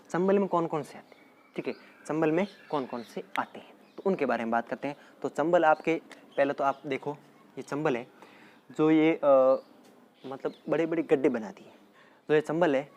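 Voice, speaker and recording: A male teacher, dictating a geography lesson slowly and repeating place names often. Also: fairly high pitch, darkish tone. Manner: slow, repetitive dictation with frequent "theek hai" check-ins. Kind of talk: exam-prep geography lesson.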